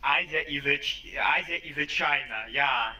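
A man's voice: fairly high pitch, moderate pace, pushed and bright, far from the mic. Joking man in broken English, roomy echo. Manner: broken, repetitive English with Russian words thrown in. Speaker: player in a VR chat room.

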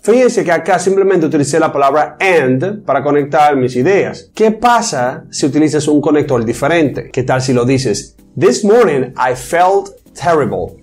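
A man's voice: fairly high pitch, moderate pace, hardly any pauses, soft background music. A man, an English teacher, giving a video lesson and explaining things while speaking directly to the viewer.

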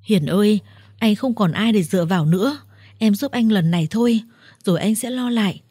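A woman's voice: mid-range voice, moderate pace, mellow, husky, no room sound, close to an everyday voice. A woman voicing a broken seventy-year-old man who pleads in a weak, trembling voice. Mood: pleading.

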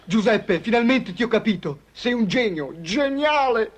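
A man's voice: extremely high pitch, expressive, a little slow, heavily acted. An actor playing a clumsy, joking man flirting with a woman in a comedy film. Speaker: film character. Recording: film soundtrack with music.

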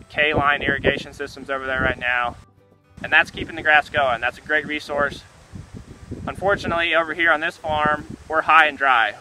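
A young farmer stands outdoors under a tree by a pasture fence, talking earnestly to the camera and repeating words as he goes. His medium-pitched voice is bright and forceful, and the recording is rough.

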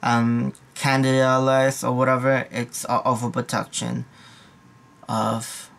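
A man's voice: mid-range voice, completely flat delivery, a little slow, creaky, fairly bright tone. A young man and nursing student giving a casual, rambling exam review, full of slang and repeated asides. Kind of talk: casual study review vlog.

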